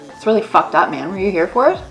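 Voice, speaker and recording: A woman's voice: medium pitch, big pitch swings, fast. A woman hosting a casual storytelling vlog, informal and sweary, playing both parts in re-enacted conversations. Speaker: video host and tradeswoman. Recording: roomy echo, faint music.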